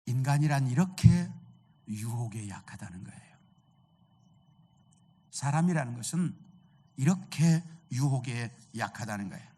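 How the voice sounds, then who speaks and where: A man's voice: medium pitch, expressive, measured pace, long pauses, mellow. A male pastor preaching a sermon, telling a story and asking the congregation rhetorical questions.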